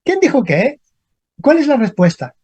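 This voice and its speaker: A teacher giving an online language lesson over a video call, speaking slowly, repeating example questions and often checking in with the class. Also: sits high, very animated, darkish tone, husky, no room sound, dull audio. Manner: slow, repeats questions, frequent checking tags. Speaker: Spanish grammar teacher.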